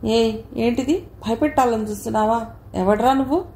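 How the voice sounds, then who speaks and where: A woman reading the lines of a scheming young man who speaks with sharp reproach and shouts when frightened, in an echoey room. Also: a little high, fairly quick, natural voice. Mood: shouting. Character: scheming young man, lustful, later panicked.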